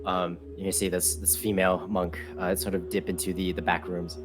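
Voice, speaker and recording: Low-voiced man narrating as game master. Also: level tone, over music. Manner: halting, many ums and uhs. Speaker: dungeon master.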